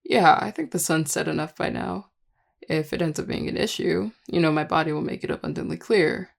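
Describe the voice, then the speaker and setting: A performer voicing a charming, affectionate vampire lover in an intimate audio role-play, teasing and tender in a relaxed, gravelly voice. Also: medium pitch, a little fast. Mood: playful, teasing. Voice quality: gravelly, heavy vocal fry. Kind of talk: intimate audio role-play, one-sided dialogue to listener.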